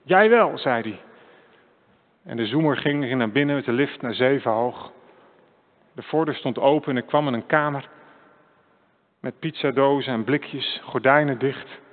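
A man's voice: mid-range voice, normal speed, long pauses. A male preacher delivering a Sunday sermon, addressing his listeners directly with earnest questions and a personal story. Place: church. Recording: echoey church hall, tinny phone-like sound.

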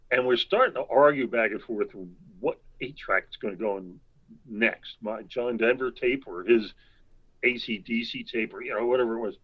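An older man telling long anecdotes as an interview guest, rambling, with quick asides and chuckles. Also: medium pitch, muffled recording. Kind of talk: anecdotal storytelling.

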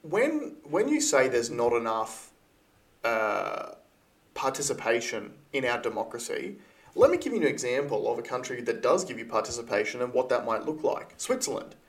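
A man's voice: mid-range voice, very animated, normal speed. An Australian man from Queensland, co-hosting a casual podcast and giving blunt opinions with frequent laughs. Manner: opinionated, laughs often, restarts. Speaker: podcast co-host.

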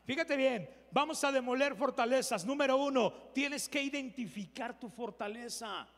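High-voiced preacher in a reverberant hall. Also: male voice, normal speed, fairly bright tone. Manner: preaching with rhetorical questions to the congregation, mimicking voices. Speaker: pastor. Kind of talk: sermon.

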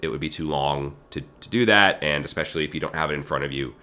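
A man co-hosting a theology podcast, sounding nasal from allergies, explaining thoughtfully with halting restarts. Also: very deep voice, bright, forceful tone. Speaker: podcast co-host. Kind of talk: casual theology podcast chat.

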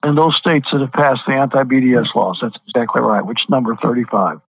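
A man's voice: mid-range voice, steady tone, fairly quick, gravelly, breathy edge, dry recording. Man, pastor, emphatic, repeats himself for stress, thin phone-line sound, dry. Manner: emphatic, repeats words when stressing a point. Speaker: pastor, guest. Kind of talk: interview over the phone.

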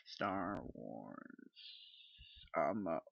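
A man hosting a podcast in casual chat, rambling and halting as he thinks aloud. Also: low voice, sing-song, vocal fry, no room sound. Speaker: podcast host. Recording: dull lo-fi dry sound.

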